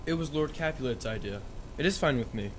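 A man plays a complacent young nobleman who is content with the arranged match. He sounds calm and unbothered, speaking in a middle register. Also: medium pitch, fairly quick, a little hiss or hum, natural voice.

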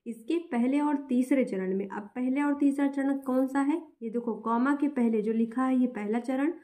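A woman's voice: sits high, normal speed, warm tone. A woman teaching a class, explaining step by step and asking and answering her own questions. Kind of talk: classroom-style lesson.

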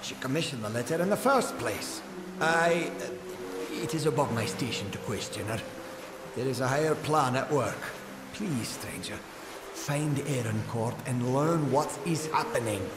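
An actor playing an anxious male gnome scribe in a video game, speaking in a hesitant, fretful, halting way. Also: medium pitch, expressive, noisy background, natural voice. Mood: puzzled, deferential. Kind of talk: video game character dialogue. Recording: echoey hall reverb with music behind.

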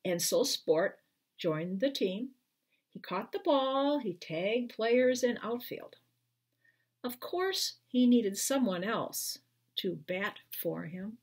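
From a small living room indoors, an author in at least her sixties reads a children's book to the camera for storytime. Her voice is husky and a little high, and she reads with deliberate expressiveness, adding short explanatory remarks.

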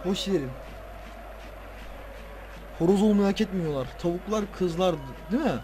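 A tired man playing a football video game, casually commenting, swearing and ranting at the players with excitable outbursts. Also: sits high, normal speed. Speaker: gaming video creator.

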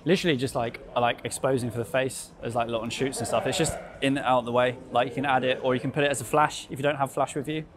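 A young man talks casually to the camera while he works a photo shoot, walking through what he does with his lights and camera. He sounds mid-pitched and relaxed. The clamor of a busy street crowd carries behind him. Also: fast, hardly any pauses. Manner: chatty, explains gear while shooting. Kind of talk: casual vlog commentary. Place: busy London streets and graffiti tunnel, outdoors.

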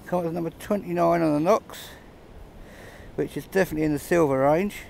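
A man with a slightly high, gravelly voice talks a little fast as he detects on a pebble beach, describing finds in a relaxed, understated manner with small chuckles. He's a metal detecting vlogger, and his close-held camera shows his hands while picking up a faint outdoor hiss.

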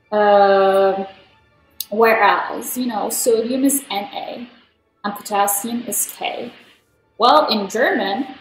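A woman's voice: mid-range voice, fairly bright tone. Young woman from Turkey, rambling gameplay chatter, roomy mic with faint music under it. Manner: rambling, chatty, many fillers. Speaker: gaming vlogger. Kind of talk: casual gameplay commentary.

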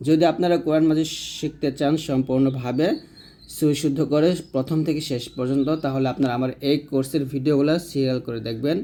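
A man teaching Arabic letter pronunciation, patiently repeating each sound slowly for learners to copy. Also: medium pitch, steady tone, mellow. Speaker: Quran reading teacher. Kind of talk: step-by-step pronunciation lesson.

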